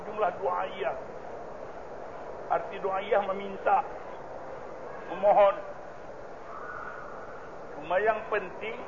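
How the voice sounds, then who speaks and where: A man teaches a religious study lesson, working through a hadith text. He is emphatic and keeps posing questions to his listeners and then answering them himself. His voice sits high and gravelly, and the recording is muffled and lo-fi with clear noise behind him.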